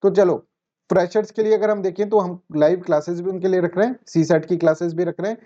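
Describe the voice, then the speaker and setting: Man, exam coach, mellow and talky, lo-fi recording. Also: sits high, steady tone, fast. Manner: chatty, asks and answers his own questions. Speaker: current affairs teacher. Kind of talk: exam-prep lecture. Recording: dull lo-fi sound.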